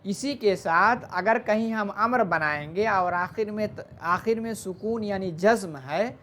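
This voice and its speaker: A teacher giving an online Arabic grammar lesson, explaining slowly, mixing in English terms, and asking the class questions before answering them. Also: mid-range voice, fairly bright tone, slight background noise.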